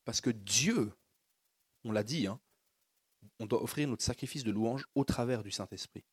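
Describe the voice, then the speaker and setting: A man's voice: medium pitch, normal speed, breathy edge, no echo, clean studio sound. A man preaching a sermon, leading the congregation in call-and-response and building fervor. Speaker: pastor.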